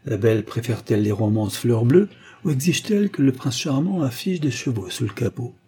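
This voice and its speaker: A man's voice: mid-range voice, lively intonation, fairly quick, dark tone, husky. A man reading a witty young count. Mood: teasing. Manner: playful, ironic banter.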